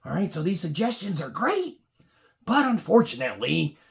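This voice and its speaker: Improvising a puppet tale for kids, this woman speaks in a deep, husky, gravelly voice with big pitch swings at normal speed. She talks to her audience casually, putting on a mock-weary air.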